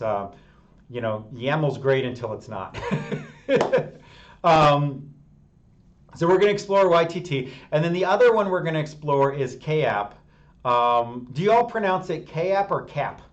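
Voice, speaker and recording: A middle-aged man walks through software tools on a live stream, talking in a loose and conversational way. He restarts his sentences often, leans on fillers, and stops to answer viewers in chat. His voice sits at an ordinary pitch, and the stream audio sounds a bit dull and lo-fi. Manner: thinks aloud with frequent fillers and restarts, reads chat. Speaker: host of a live technical stream. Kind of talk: casual live-stream explanation.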